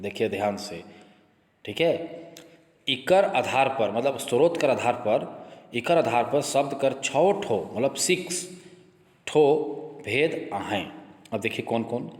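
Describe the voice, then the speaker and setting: A male coaching teacher walks through a grammar lesson, repeating each point slowly and again. His voice sits in a mid range. The room rings with a long, echoey reverb. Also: medium pitch, animated. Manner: repeats each point slowly, keeps saying "look carefully". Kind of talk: grammar lesson explaining slides.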